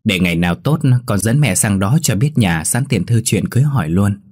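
Man reading a calm, motherly middle-aged mom, husky and low. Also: fairly quick, dry recording, studio quality. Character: middle-aged mother, gentle and warm-hearted.

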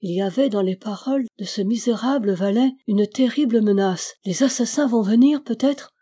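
A woman's voice: medium pitch, normal speed, mellow, close to an everyday voice. A woman reading as a feverish devout young noblewoman. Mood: alarmed.

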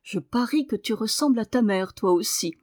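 A woman reading aloud voices a warm, motherly countrywoman who speaks softly and trembles with emotion. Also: mid-range voice, expressive, normal speed, dry recording, studio quality, close to an everyday voice. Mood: cheerful.

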